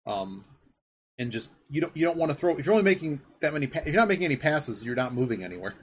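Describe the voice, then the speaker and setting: With a fairly high pitch and a very animated, quick delivery, this podcast host gushes about sports in a loose, rambling way. The recording carries clearly audible background noise.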